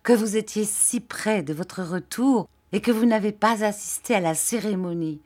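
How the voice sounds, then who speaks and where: A woman voicing an excitable, warm-hearted young male lawyer who gushes in breathless, drawn-out exclamations. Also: medium pitch, natural voice. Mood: eager.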